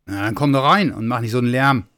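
A man voicing a wise, cozy old male polar bear who talks slowly and grumbles. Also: mid-range voice, natural voice. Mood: calm. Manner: slow, calm and grumbling.

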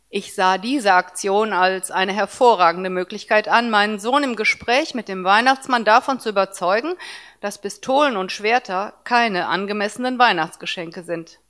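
A woman reads a first-person story aloud, narrating calmly and evenly. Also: medium pitch.

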